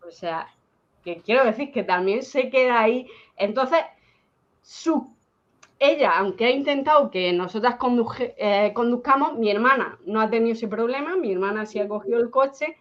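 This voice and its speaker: A woman's voice: a little high, lively intonation, normal speed. A woman with a Spanish accent from Spain, chatting about a personal experience on a video call, talking with many fillers and restarts. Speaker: guest. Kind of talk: personal story in casual chat. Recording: dull lo-fi call audio.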